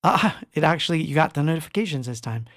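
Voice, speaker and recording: A man's voice: on the high side, animated, fast talker, fairly bright tone, no echo, clean studio sound. A middle-aged man from Argentina hosting a casual livestream, rambling, greeting chat viewers by name and laughing often. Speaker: livestream host. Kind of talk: casual live-stream chat. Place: home studio.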